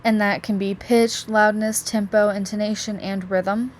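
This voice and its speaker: Young female student, relaxed chatty delivery, middle pitch, faint room noise. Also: a little slow. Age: young adult. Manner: casual, with many likes and restarts. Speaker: student presenter. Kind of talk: class presentation.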